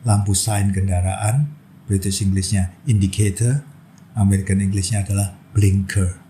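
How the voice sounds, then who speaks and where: A man teaching a vocabulary lesson, reading out word pairs one after another in a slow, steady, patient way. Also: low voice, a little hiss or hum, poor audio. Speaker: English teacher.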